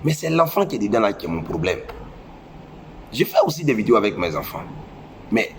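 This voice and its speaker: His voice sits on the low side, swinging widely in pitch and moving fairly quickly, with slight background noise. A young social media commentator with a West African French accent and a head cold, he gives parents a preachy, scolding lecture in an impassioned moralizing monologue, repeating phrases for emphasis.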